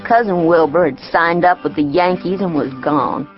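A woman's voice: fairly low pitch, moderate pace, lo-fi sound, faint music behind, lightly acted. A woman voicing a plainspoken ten-year-old country girl, telling her story in audiobook style with artless, rustic grammar. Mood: matter-of-fact. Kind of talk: first-person audiobook character narration.

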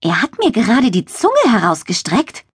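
A woman's voice: a little high, huge pitch swings, moderate pace, breathy edge, no echo, studio quality, pitched above the performer's own voice, heavily acted. A woman voicing a tiny, easily offended female spider with a piping, indignant voice in a children's storybook.

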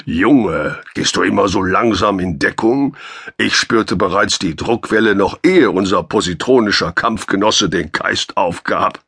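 A man's voice: lowish voice, unhurried, vocal fry, a bit bright, husky, full character voice. A man voicing a huge, good-humored male spacer who teases in friendly banter. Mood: amused teasing. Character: giant good-humored male spacer, deep-voiced and teasing.

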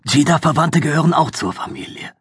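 Audiobook: male narrator playing a reassuring captive younger sister, soft and husky. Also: on the high side, lively intonation, brisk, no echo, studio quality, voice pushed up.

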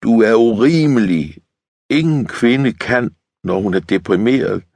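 A stubborn young woman tank sergeant snaps back in curt, defiant retorts, as a male narrator puts her on. Her voice sits raised above his own deep register, with a husky edge. The sound is close and dry, with no room around it. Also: expressive, a little mellow, no echo.

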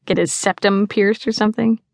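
A woman's voice: medium pitch, steady tone, fairly quick, vocal fry, darkish tone, no room sound, pitched above the performer's own voice, lightly acted. A woman voicing a wry, playful teenage girl photographer who teases her friends. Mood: teasing. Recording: dry studio.

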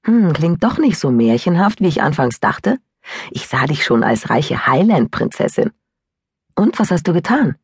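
A woman's voice: low voice, sing-song, normal speed, a little mellow, breathy edge, no room sound, exaggerated voice. A woman narrator voicing a curious young female friend in an audiobook, asking eager, prying questions. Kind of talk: audiobook character voice.

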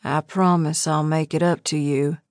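Woman voicing a worried man with a husky voice. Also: steady tone, moderate pace, no room sound, lightly acted. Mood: tender. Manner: low, husky, urgent. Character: man, a worried father and fiancé. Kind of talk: audiobook character voice. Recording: dry close studio sound.

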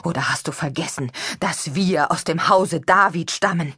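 A woman reading an audiobook voices a grave male rabbi, a stern father who speaks low and mutters. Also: moderate pace, fairly bright tone, husky, dry recording, studio quality, full character voice.

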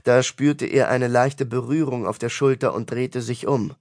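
A man narrating a fantasy audiobook in a measured, dramatic storytelling manner. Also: mid-range voice, steady tone, darkish tone.

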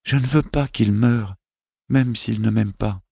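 A man voicing a young boy prince who asks earnest, worried questions in a soft, pleading way. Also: on the low side, unhurried, creaky, breathy edge, no room sound, studio quality, voice pushed up, heavily acted. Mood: plaintive.

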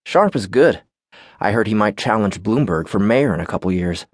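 A man's voice: on the low side, animated, moderate pace, husky, dry recording, studio quality. A male narrator voicing a joking male courthouse security guard who teases in playful banter. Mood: teasing.

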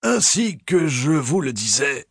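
A man's voice: fairly high pitch, sing-song, slow, creaky, slightly rough, no echo, studio quality, voice pushed up, heavily acted. A man voicing a panicked old professor in an audiobook, his voice strained, shrieking and broken. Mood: dazed.

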